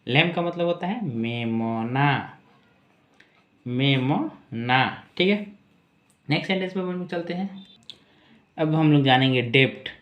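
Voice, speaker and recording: A man teaching English pronunciation in Hindi, saying each word slowly, repeating it and asking questions to his viewers. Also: a little high, reverberant, dull audio. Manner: slow, repeats each word and its meaning, asks rhetorical questions.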